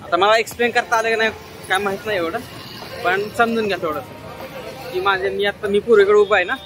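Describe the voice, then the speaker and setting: High-voiced man vlogging outdoors. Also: steady tone, quick pace, a bit bright, rough recording. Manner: rambling, explaining directions. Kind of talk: casual vlog narration. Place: outdoors in a city. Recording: music playing behind.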